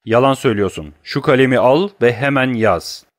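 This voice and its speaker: A man's voice: mid-range voice, fairly quick, dry recording, clean studio sound, natural voice. A man voicing a stern, commanding nobleman disguised as a priest, reading an audiobook. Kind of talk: audiobook character voice.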